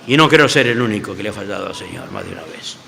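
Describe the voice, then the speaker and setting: Older Uruguayan preacher with a bright voice. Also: male voice, fairly low pitch, fast, vocal fry, a little hiss or hum. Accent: Uruguayan Spanish. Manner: animated storytelling with stammered restarts. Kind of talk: sermon. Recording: church hall with long reverb.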